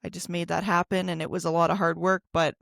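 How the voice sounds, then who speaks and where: A woman's voice: lowish voice, flat delivery, fast talker, vocal fry, a bit bright, no echo, studio quality. A young adult woman co-hosting a podcast, talking casually with lots of fillers and laughs. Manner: chatty, full of fillers and laughs. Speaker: podcast co-host. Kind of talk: casual chat.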